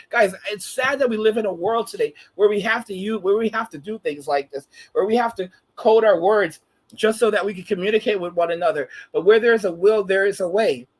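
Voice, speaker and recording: A man in his late thirties talks through casual commentary as a channel host. His voice sits high for a man and has a husky edge. He rambles, circles back and repeats himself as he goes. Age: 30s. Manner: rambling, repeats and restarts phrases.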